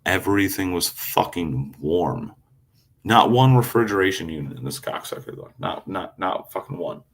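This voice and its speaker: A man chatting on a casual livestream, telling a rowdy story, cursing constantly, with loud animated outbursts when quoting himself. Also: sits low, moderate pace. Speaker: live streamer. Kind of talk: casual rambling livestream chat.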